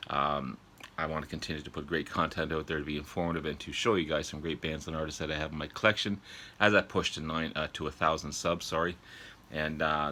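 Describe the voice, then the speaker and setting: A man with a sore throat from a cold, chatting casually and haltingly as a vlog host, often needing to clear his throat. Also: extremely low pitch, sharp tone. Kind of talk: casual chat to viewers about records. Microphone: older phone.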